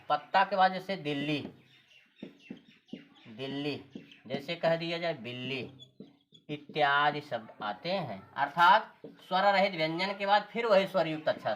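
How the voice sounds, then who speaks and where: A woman's voice: on the low side, highs cut off, slight background noise. A woman teaching a grammar lesson, repeating key terms and answering her own questions. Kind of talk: classroom-style grammar lesson.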